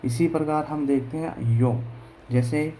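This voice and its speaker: A man's voice: a little high, unhurried, mellow, a little hiss or hum, rough recording. A man teaching English pronunciation, spelling words letter by letter and answering his own questions as he explains. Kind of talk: slow classroom explanation in Hindi.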